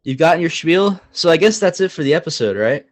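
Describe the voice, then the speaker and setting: A young man co-hosting a casual sports podcast, talking in an animated, joking way and hammering points with repetition. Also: a little high, fairly quick, no room sound. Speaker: podcast co-host.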